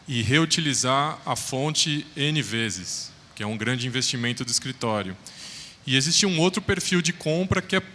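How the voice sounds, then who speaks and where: Bright-voiced Brazilian man moderating, echoey hall. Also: mid-range voice. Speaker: panel moderator. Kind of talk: informal spoken question to a panel. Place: round table in a reverberant hall. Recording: echoey hall, faint ambient noise.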